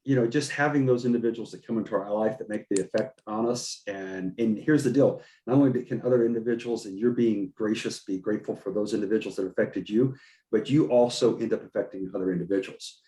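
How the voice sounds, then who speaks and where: A man's voice: on the low side, a little fast, warm tone, echoey room. A man hosting a group video call, encouraging and upbeat, coaching his listeners and often repeating his words. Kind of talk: motivational coaching talk.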